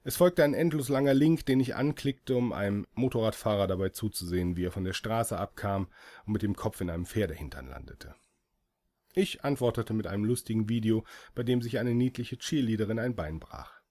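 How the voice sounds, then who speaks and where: Man, audiobook narrator, first-person story, dry ironic tone, fairly low voice. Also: lively intonation, brisk, mellow. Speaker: audiobook reader.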